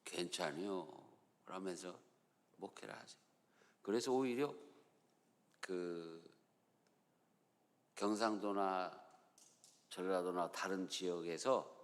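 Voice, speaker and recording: A man's voice: low voice, big-room sound. A male pastor with a Chungcheong accent, preaching a sermon in a folksy, storytelling way in a church. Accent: Chungcheong Korean. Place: church sanctuary.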